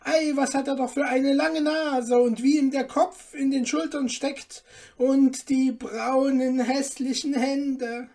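A woman's voice: high-pitched, fairly even intonation, takes it slowly, darkish tone, voice pushed up. A woman voicing jeering townsfolk calling out in a read-aloud fairy tale. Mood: mocking. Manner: mocking calls. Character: jeering street crowd.

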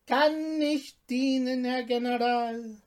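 A woman's voice: high voice, fairly even intonation, slow, pitched above the performer's own voice. A woman reading an audiobook and voicing a man, a meek and sly merchant who answers evasively.

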